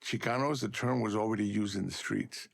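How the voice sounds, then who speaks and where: A man from Los Angeles in a casual interview, reminiscing in a relaxed way. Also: lowish voice, a little fast, gravelly.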